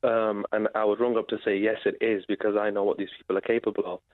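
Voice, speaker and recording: A man's voice: on the low side, flat delivery, no room sound. Hesitant man on a tinny phone line. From Britain. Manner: halting, many fillers and pauses. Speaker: caller. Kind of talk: phone-in radio call.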